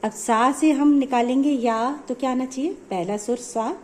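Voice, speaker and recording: A woman's voice: sits high, unhurried, a little hiss or hum. A woman music teacher explaining notes step by step in a patient, repetitive way. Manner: patient, explanatory, repeats points.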